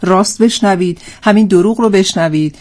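A woman's voice: medium pitch, a little mellow. A woman hosting a live call-in show in a friendly, chatty way, reading out listener texts. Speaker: radio show host.

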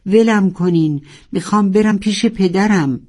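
A storyteller voicing a young narwhal who desperately shouts and pleads for its father. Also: mid-range voice, lightly acted. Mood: distraught. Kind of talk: storybook character voice.

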